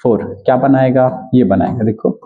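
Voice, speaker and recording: A man teaching a chemistry lecture. He asks questions and answers them himself, repeats key terms, and drags key words out slowly. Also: medium pitch, phone-quality sound. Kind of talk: exam-prep lecture.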